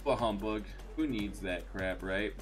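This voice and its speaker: A man's voice: lowish voice, unhurried, over music. A man streaming live, chatting casually and thanking viewers, rambling with many fillers and restarts.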